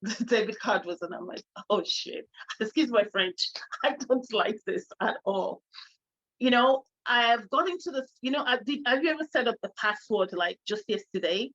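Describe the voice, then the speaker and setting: A middle-aged woman co-hosting a casual chat, telling a story in a lively way and laughing often. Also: on the high side, normal speed, lo-fi sound. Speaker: co-host.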